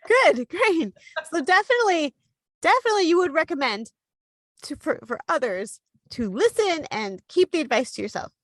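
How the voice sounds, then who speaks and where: A woman interviewer with a fairly high, expressive voice that rises and falls a lot. She asks questions and chimes in with brief, encouraging replies. The sound is dry and close. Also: moderate pace, no echo. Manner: supportive, short affirmations. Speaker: podcast host.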